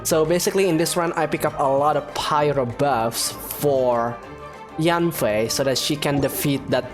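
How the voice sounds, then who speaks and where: A male gaming YouTuber, voice a little high, speaks at a normal speed as he plays with the soundtrack going. His commentary is casual and chatty, full of reactions, groans, and laughter at the game.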